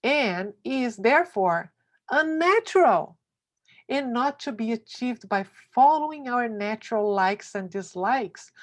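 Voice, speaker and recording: Reading a success essay aloud, this woman is expressive and emphatic. She goes slowly, leaning on her words, and her pitch rises and falls widely.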